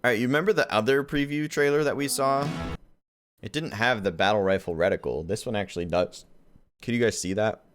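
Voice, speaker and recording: A man chatting excitedly as he reacts to a game trailer, loose and slangy. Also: lowish voice, fairly quick, soft background music. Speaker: gaming YouTuber. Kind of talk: casual reaction commentary.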